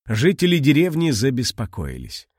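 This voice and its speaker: Expressive male storybook narrator. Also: medium pitch, moderate pace, husky, no room sound, studio quality. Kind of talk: children's audiobook narration.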